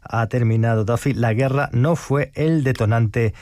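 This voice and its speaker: Male news anchor, formal and measured, dead-dry studio sound. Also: medium pitch, a little mellow, no room sound. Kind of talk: scripted news reading. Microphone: studio microphone.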